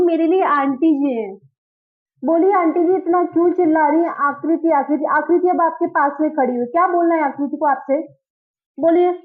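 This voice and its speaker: A woman doing a cold, curt grown daughter. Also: sits high. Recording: dull lo-fi recording.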